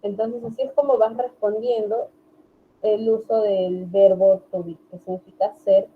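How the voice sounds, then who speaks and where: A woman teaching an online English class, patiently explaining and often checking understanding, reading English examples slowly. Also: medium pitch, fairly even intonation, slight background noise. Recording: tinny phone-like online class audio.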